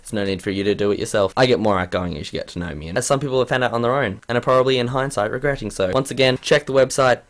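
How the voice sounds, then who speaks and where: A rapid-fire young man in his late teens talks straight to camera in a casual vlog. He rambles from one thing to the next and pokes fun at himself. He keeps catching himself mid-word and starting over. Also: medium pitch. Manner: rambling, self-deprecating, trips over his words. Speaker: vlogger.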